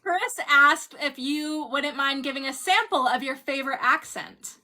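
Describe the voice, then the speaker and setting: A woman's voice: sits high, a little slow, pushed and bright. A woman from Florida co-hosting an interview, bubbly and gushing as she asks questions. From Florida, USA. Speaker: podcast co-host. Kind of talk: casual interview chat.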